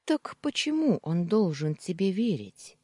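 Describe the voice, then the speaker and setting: Calm, teasing young maid and confidante, low and husky, as a woman narrator puts her on in a storybook reading. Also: unhurried, dry recording, studio quality, exaggerated voice. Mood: gentle. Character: caring young female housemaid friend, calm and wry.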